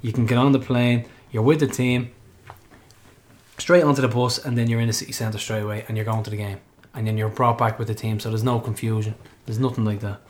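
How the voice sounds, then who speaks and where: A man's voice: medium pitch, little pitch movement, a little fast. An Irish man hosting a football fan podcast in a casual, chatty, joking and colloquial way. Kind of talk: casual chat.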